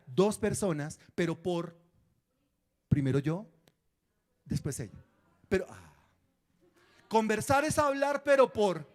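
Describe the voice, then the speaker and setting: A man preaching a sermon as pastor, acting out prayers and dialogues and quizzing his congregation. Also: high-pitched.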